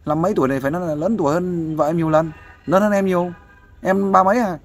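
In a casual interview, a volunteer counselor offers a guest fatherly, persuasive advice, often checking for agreement. He speaks fast in a high-pitched voice with fairly even intonation.

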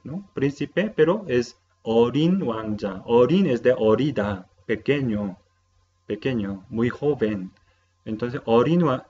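Slow patient male language teacher. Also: darkish tone. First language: Korean. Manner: slow and patient, repeats words, checks with "¿sí?". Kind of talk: language lesson. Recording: dull low-fi audio with faint hum.

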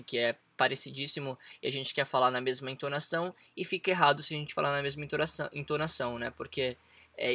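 A young Brazilian man with a Brazilian Portuguese accent teaching English vocabulary in a casual, chatty way, full of fillers, repeating words slowly to show pronunciation. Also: mid-range voice, bright, forceful tone, dry recording.

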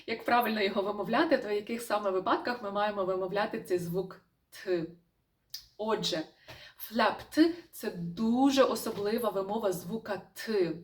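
Lively woman teaching pronunciation. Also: medium pitch, far from the mic. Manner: lively, demonstrates words slowly and repeats them. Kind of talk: online pronunciation lesson.

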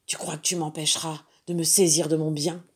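A woman's voice: sits low, flat delivery, brisk, husky. A woman growling as a menacing forest-spirit panther. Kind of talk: storybook reading for children.

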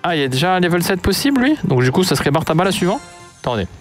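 An excitable French man commentating as he opens loot boxes in a game, swinging between hope and playful mock outrage. His voice sits on the higher side and is caught close on a desk mic. Faint music runs beneath it. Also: rapid-fire. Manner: animated, exclaiming, mock-outraged. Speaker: gaming YouTuber. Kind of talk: pack opening commentary.

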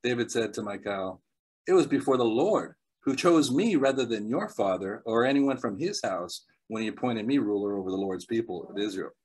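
A man preaching a sermon, telling stories with bursts of excitement, laughter and quieter asides. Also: mid-range voice, moderate pace, husky, poor audio. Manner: animated storyteller, laughs often, jumps between loud excitement and quiet asides.

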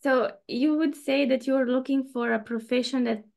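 A woman's voice: high-pitched, fairly even intonation, normal speed, vocal fry, darkish tone. A young woman hosting a casual interview podcast over a video call, friendly and chatty, with some fillers. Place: room at home with plants and shelves, indoors. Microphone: webcam on a video call.

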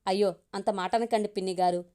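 A woman voicing a tactful, witty wife who speaks softly and persuasively. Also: mid-range voice, steady tone, a little fast, clean tone, close to an everyday voice. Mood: gentle. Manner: soft, persuasive.

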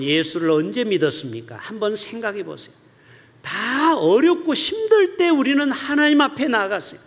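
A man preaching in a church, his voice high for a man and full of rising and falling melody. He jumps from loud, urgent bursts to soft, low asides as he speaks to the congregation. A long hall reverb trails after his words. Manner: animated preaching, swings between loud outbursts and hushed low asides. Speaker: pastor. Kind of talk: sermon. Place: church sanctuary.

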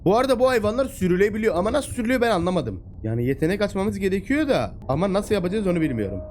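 A man narrates his gameplay in a fairly high, very animated voice, chatting excitably and calling out to the animals on screen. A steady hiss of background noise sits under the recording. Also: racing. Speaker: gameplay commentator. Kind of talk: casual let's-play commentary.

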